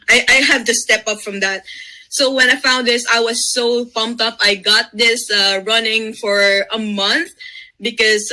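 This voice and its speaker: A very bright, somewhat high-pitched woman's voice with a Visayan Filipino accent, native in Bisaya. She tells her own story informally, in halting phrases broken up by hesitations. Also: low-quality recording. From Davao City, Philippines. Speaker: guest sharing a testimonial. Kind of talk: informal personal testimonial. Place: video call.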